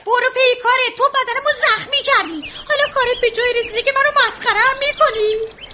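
A woman's voice: very high-pitched, noisy background. A woman voicing a proud, rude, boastful ostrich in a children's story. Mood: angry scornful. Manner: mocking, haughty, exclaiming.

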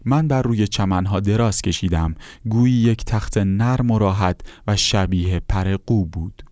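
A man calmly reading a first-person account aloud as narrator. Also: fairly low pitch, no room sound.

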